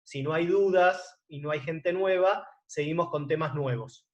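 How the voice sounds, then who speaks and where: A man's voice: on the high side, measured pace, highs cut off. A middle-aged man, giving an online wine lesson and often checking in with a rising question. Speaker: wine course teacher. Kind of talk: online lecture.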